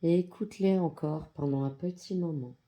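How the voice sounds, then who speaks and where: This is soft instructional narration for a guided meditation, led by a yoga nidra guide whose androgynous voice sits in the mid range. The pacing is measured, calm, and soothing, leaving long pauses throughout.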